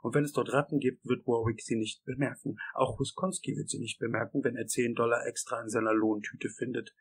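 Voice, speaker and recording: A cool, mocking young night-shift worker, as a male reader plays him. He speaks in a calm, sardonic tone with a husky, gravelly voice close to the narrator's own. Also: mid-range voice, fairly quick. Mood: wry.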